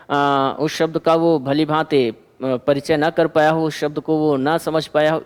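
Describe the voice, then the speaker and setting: A male teacher delivers an exam-prep lesson in a high voice. He keeps asking his class a question and then giving the answer himself. The room around him rings with a long reverb.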